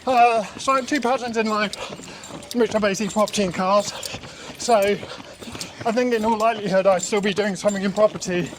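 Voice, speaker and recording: A man with a high-pitched voice answers interview questions casually as he runs along. He is recorded outdoors in an urban setting, with clear noise around his voice. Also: steady tone, normal speed. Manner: talking while running outdoors. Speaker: interview guest. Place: outdoors in an urban area, on the move.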